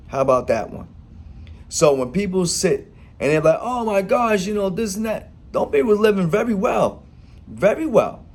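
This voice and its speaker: A man's voice: a little high, darkish tone. A man talking straight to his audience in an opinion monologue, emphatic and informal, firing off rhetorical questions. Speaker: commentator.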